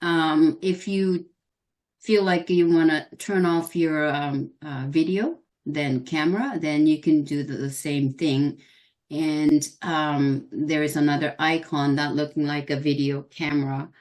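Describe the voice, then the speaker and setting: Low-voiced woman giving halting instructions. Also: steady tone, a little mellow. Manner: halting, many ums and restarts. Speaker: workshop facilitator. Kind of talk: giving a Zoom tutorial. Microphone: video call.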